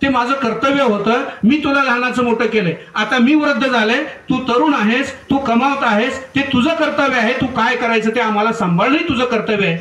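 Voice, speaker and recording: A man acts out a stern old father who lectures his grown son about duty. The voice is high-pitched and echoes in a big room, captured from a distance. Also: a little fast, few pauses, a bit bright. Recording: echoey room heard from far off.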